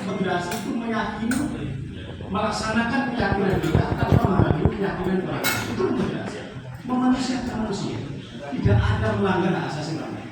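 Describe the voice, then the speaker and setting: Middle-aged man, high voice, training lecture, far from the mic in a reverberant hall. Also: lively intonation, brisk. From Java. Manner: emphatic, rises high on lists, drops low on asides. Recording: echoey hall from far off, noisy.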